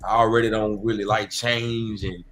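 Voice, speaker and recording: Lowish-voiced man, laid-back and slangy. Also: level tone, normal speed, fairly bright tone, slight background noise. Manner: laid-back and hesitant, slangy, punctuated with "you know", "man" and "bro". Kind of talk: casual, reflective chat among friends.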